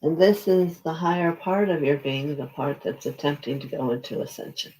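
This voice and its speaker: A host of unclear sex leading a live guided relaxation session in a gentle, halting, unscripted way with pauses. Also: medium pitch, rough recording. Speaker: spiritual session host leading singing bowl meditation.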